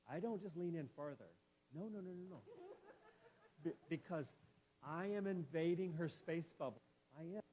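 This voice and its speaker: A man's voice: mid-range voice, dark tone, slight background noise, low-quality recording. A man in his fifties preaching a casual, conversational sermon in a church, full of folksy, playful stories about home life. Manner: folksy, anecdotal, playful asides.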